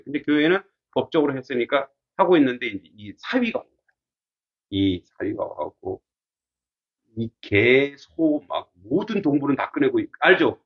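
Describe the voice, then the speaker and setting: A male pastor teaching a classics class in a casual, animated way, asking his students many rhetorical questions. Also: a little high, breathy edge, muffled recording.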